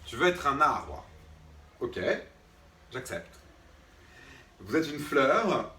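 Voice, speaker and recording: A man's voice: fairly high pitch, bright, forceful tone, heavily acted. A man playing an irritated drama teacher who talks to unseen students, patient at first and then fed up, always asking if they agree. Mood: coaxing. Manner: patient then irritated, keeps checking with "d'accord?". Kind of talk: comic one-man sketch. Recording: roomy sound, mic far off.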